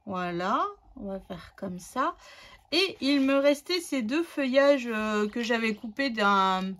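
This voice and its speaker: A woman's voice: on the high side, animated, slow, fairly bright tone. A woman hosting a scrapbooking tutorial, chatting casually and thinking aloud as she works, with many fillers.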